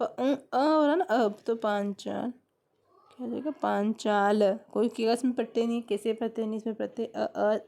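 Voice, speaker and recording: A woman's voice: medium pitch, gravelly, warm tone. A woman teaching a grammar lesson, explaining step by step and repeating questions back to her students.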